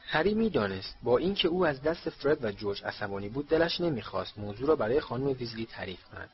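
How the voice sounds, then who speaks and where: Male audiobook narrator, measured storytelling. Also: mid-range voice. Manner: measured storytelling with voiced characters. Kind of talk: scripted narration of a novel. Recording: slightly dull recording, faint hiss.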